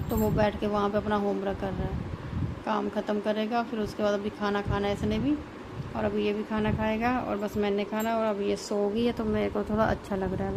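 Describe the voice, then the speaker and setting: Brief: mom vlogger with a tinge, rambling and conversational, filmed at home over noisy household ambience. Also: female voice, medium pitch, creaky. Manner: chatty, explaining at length with many fillers. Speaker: mother vlogging about her baby. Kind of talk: casual home vlog. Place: at home, indoors.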